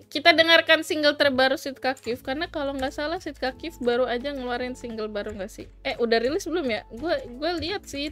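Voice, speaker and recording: Chatty high-voiced woman streamer. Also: a bit bright. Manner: chatty, giggly, reads chat aloud; playful, teasing, mixes in English. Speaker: livestream host. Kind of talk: casual chat.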